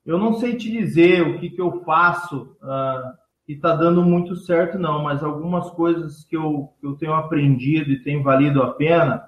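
Guy chatting easy, voice a bit high, echoey room, kinda muffled. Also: moderate pace. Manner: relaxed, many fillers, trails off at phrase ends. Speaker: entrepreneurship teacher and speaker, guest. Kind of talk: casual interview answers.

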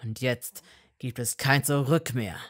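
A woman's voice: extremely low pitch, fairly even intonation, unhurried, voice pushed down. A woman reading a fan story and voicing a cold, bitter young wizard who growls curt, scornful replies. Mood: angry, scornful.

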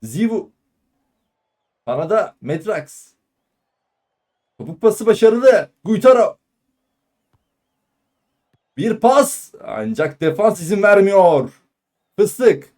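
High-pitched male football commentator, excitable, shouting at peaks. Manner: excited shouting on goals and shots; clipped phrases, calling out player names. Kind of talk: live play-by-play match commentary.

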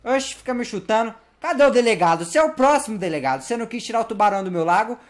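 A man giving casual gameplay commentary, slangy and playful, talking to the game's characters and getting excitable in the action. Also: high voice, very fast. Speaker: gameplay youtuber.

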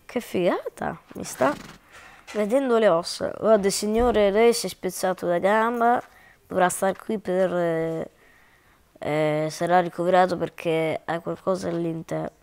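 A woman's voice: fairly low pitch, measured pace, a little mellow. A woman hosting a gaming channel, chatting along as she plays out a role-play and narrates her own moves. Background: background music.

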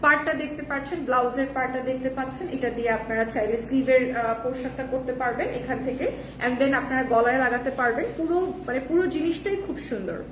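A hoarse woman hosting a live selling stream, chatting casually and mixing in English phrases, heard in an echoey room with the mic at a distance. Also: sits high, fast talker, a little hiss or hum. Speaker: live-sale host.

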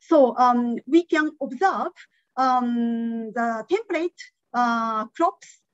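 Speaking slowly in a somewhat high voice, a woman whose first language isn't English gives an academic conference presentation via video call, hesitating often with fillers. She's in an indoor room, and the audio is dry and dull.

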